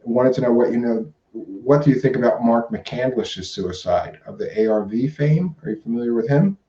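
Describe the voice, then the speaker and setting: A man's voice: medium pitch, moderate pace, mellow. A man hosting a live talk show in a casual, chatty, colloquial way. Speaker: live stream host. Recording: roomy, dull lo-fi stream audio.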